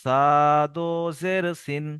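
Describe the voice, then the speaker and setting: A man teaching a recorded Quran reading lesson for adults, slowly drawing out each spelled syllable, then explaining at a steady pace. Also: on the high side, smooth, no room sound, studio quality. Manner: slow drawn-out syllable-by-syllable spelling drills alternating with steady explanation.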